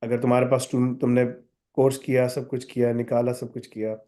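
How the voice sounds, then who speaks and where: A man talks a questioner through the steps in a live Q&A, direct and instructive. His throat is sore, and his voice sits dark and mellow. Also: medium pitch, monotone, fairly quick. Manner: direct, switches to English for emphasis. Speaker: college founder answering questions. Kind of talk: live Q&A session.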